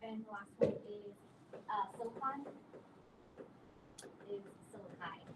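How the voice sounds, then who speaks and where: A woman's voice: mid-range voice, animated, takes it slowly. A woman teaching a chemistry lesson, patiently explaining naming rules and spelling out word endings letter by letter. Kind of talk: recorded classroom lesson. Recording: distant mic with clear background noise.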